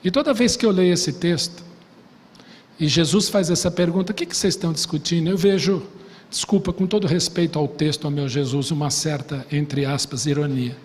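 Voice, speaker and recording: Brazilian male pastor, high-pitched, dramatic sermon delivery, recorded in a reverberant church. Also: normal speed. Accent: Brazilian Portuguese. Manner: dramatic retelling, voicing the desperate father in soft low tones. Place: church sanctuary. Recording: long reverb of a church hall.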